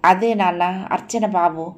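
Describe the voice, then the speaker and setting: A woman's voice: on the low side, unhurried, a little mellow, lightly acted. A woman reading a hesitant, remorseful grown son. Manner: hesitant, pleading.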